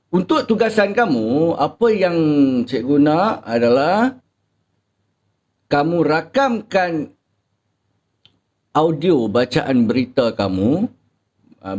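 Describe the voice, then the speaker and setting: A young Malaysian man gives a reading lesson to his pupils in a slightly high voice. He talks slowly and deliberately and fills pauses with short sounds. The recording is dull and lo-fi. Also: sing-song, a little mellow. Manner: slow and deliberate, with frequent filler sounds. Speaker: teacher.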